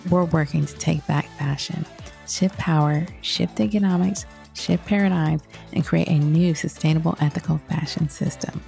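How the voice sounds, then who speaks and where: A woman hosts a podcast in an upbeat, polished way, reading her intro and then putting questions to a guest. Her voice sits low with a gravelly edge. Faint music plays beneath her. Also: mellow. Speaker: podcast host.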